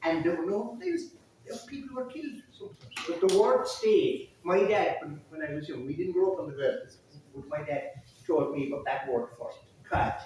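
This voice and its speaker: A middle-aged Irishman with a Cork accent and a high-pitched voice hosts an informal storytelling session. He is chatty and wanders off on digressions. The sound is very roomy and picked up from a distance. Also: lively intonation, moderate pace, darkish tone. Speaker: traditional storyteller hosting a library event. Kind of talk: informal storytelling and chat with an audience. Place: indoors in a library, audience room. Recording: echoey room from far off, faint noise.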